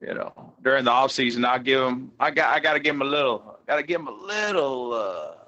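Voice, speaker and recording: A man's voice: mid-range voice, lively intonation, a little fast, pushed and bright. A man co-hosting a livestream through remote call audio, teasing and joking in casual sports banter. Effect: remote call audio over a livestream. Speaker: co-host.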